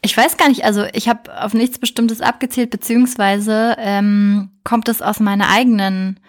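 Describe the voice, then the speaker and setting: This woman in her early thirties hosts a podcast, talking at a normal speed in a slightly high voice with fairly even intonation. She keeps the chat casual, laughing frequently as she poses reflective questions.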